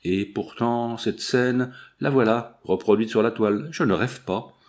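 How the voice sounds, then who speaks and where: A man's voice: a little slow, darkish tone, close to an everyday voice. A man reading the part of an old army general, speaking in a choked, emphatic way. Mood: shaken. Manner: deep, choked-up emphatic speech. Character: old male army general, shaken and grave.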